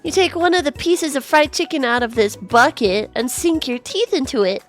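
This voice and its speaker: A woman's voice: high-pitched, expressive, normal speed, soft background music. A young woman streamer narrating a game in a playful, casual way, reading the story text aloud.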